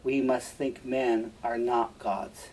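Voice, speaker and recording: A gentle, troubled young wife speaks slowly and softly, as a man reads her part aloud in class. The voice stays in his own plain register at a measured pace. It is heard from a bit away from the mic, with faint room noise. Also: medium pitch, little pitch movement, recorded from a distance, lightly acted, poor audio.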